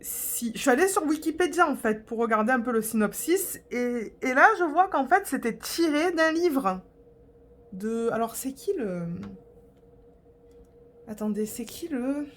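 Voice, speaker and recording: A woman's voice: sits high, expressive, unhurried, slight background noise. A young woman vlogging in a casual, rambling way, chatting to her viewers with lots of fillers and restarts. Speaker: diamond painting vlogger. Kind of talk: casual chat to camera.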